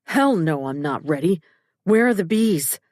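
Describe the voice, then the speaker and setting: A grown man who starts off easygoing and slangy, then turns rattled and disbelieving, read by a woman narrator. The voice sits a little low and is recorded dry and close. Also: expressive, unhurried, darkish tone, dry recording. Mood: alarmed. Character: breezy grown man, a restaurant-owner husband.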